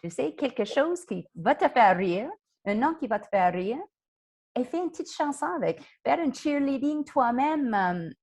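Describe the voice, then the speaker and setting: Slow, calm woman coaching mindfulness. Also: sits high, slightly rough. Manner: slow and calm, with soft whispered mantras. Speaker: wellness coach. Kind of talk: guided mindfulness lesson.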